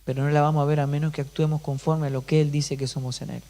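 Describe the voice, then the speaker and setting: A pastor delivering an emphatic sermon, often putting rhetorical questions to the congregation. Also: male voice, a little high, flat delivery, quick pace, mellow.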